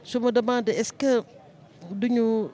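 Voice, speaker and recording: In a street interview outdoors, a woman with a Senegalese French accent speaks sorrowfully and reflectively. Her voice is a little high, steady, slow and mellow.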